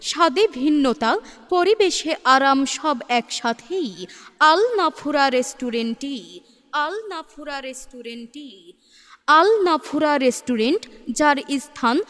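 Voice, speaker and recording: A woman reads a lively promotional announcement over a loudspeaker, listing the offerings in a sales pitch. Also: a little slow, big-room sound. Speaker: advertisement announcer.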